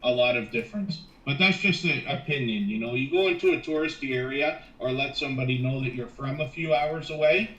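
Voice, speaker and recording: A man's voice: mid-range voice, fairly quick, hardly any pauses, fairly bright tone, dull audio. A man from Ontario chatting casually as a guest, thoughtful and hedging with many ums. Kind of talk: casual chat. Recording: echoey, distant mic with faint noise.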